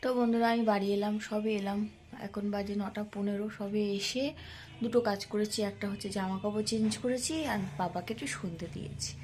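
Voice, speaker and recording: A woman's voice: medium pitch, steady tone, fairly quick, a little mellow, slight background noise. A young woman chatting casually to her viewers in a daily vlog, often saying "so come, friends". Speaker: vlogger.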